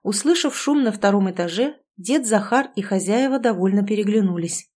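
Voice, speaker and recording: A woman narrating a storybook aloud, with a mid-range pitch for a woman. Her delivery is measured and expressive, as in scripted audiobook narration.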